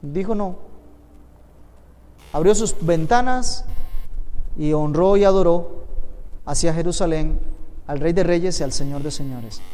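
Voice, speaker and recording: A man's voice: fairly high pitch, unhurried, long pauses, mellow, long reverb tail. A man with a Costa Rican accent, a pastor teaching a Bible class to his congregation, emphatic and asking them questions. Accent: Costa Rican Spanish. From Costa Rica. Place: church hall.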